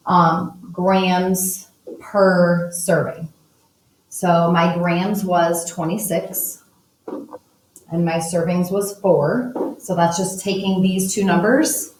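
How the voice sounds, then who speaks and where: A woman teacher talking through math problems step by step, working as she writes and uses a calculator. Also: on the low side. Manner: talks through steps while writing and using a calculator. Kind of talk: recorded math lesson. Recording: echoey room, voice a bit distant from the mic.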